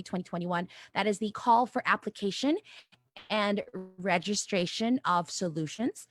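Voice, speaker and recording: Female emcee, slightly high, dry studio sound, formal hosting. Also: dry recording. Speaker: event host.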